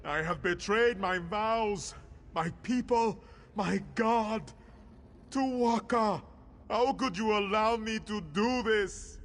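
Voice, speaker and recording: An actor playing an anguished, devout warrior priest in a video game, with solemn, formal delivery. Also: male voice, high voice, slow pace. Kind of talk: dramatic video game voice acting.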